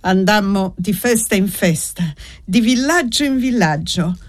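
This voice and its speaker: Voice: mid-range voice, expressive, a little slow, lightly acted. A reader voicing a jovial, boastful middle-aged male guest in an audiobook. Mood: reminiscing.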